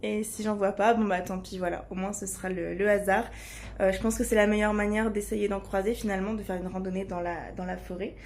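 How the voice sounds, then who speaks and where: This travel vlogger is a woman with a mid-range, darkish voice who talks briskly in a level tone during a casual to-camera chat. She is hesitant and searches for her words, with clear ambient noise in the background.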